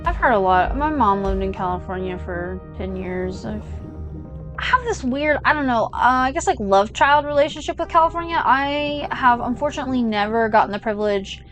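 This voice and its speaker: A young woman hosting a gaming channel talks at a moderate pace in a fairly high, expressive voice as she plays. Her casual commentary wanders off on tangents and is thick with fillers, set against game music.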